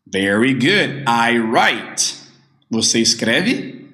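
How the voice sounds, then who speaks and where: A man teaches an English lesson at an unhurried pace. His pitch rises and falls a lot as he drills phrases. His voice has a roomy echo around it. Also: big pitch swings, pushed and bright. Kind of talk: online language lesson.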